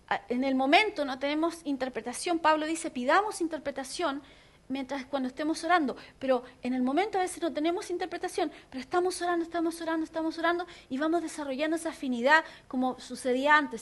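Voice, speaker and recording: A middle-aged woman pastor with a Chilean Spanish accent, teaching a sermon in an animated, conversational way with jokes. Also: high voice.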